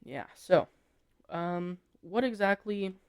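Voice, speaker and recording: A man's voice: sits high, expressive, slow, vocal fry, smooth, dry recording, clean studio sound. A teenage boy hosting a casual podcast, rambling through song criticism with many restarts and fillers. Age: teens. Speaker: podcast host. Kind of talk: casual chat reviewing songs.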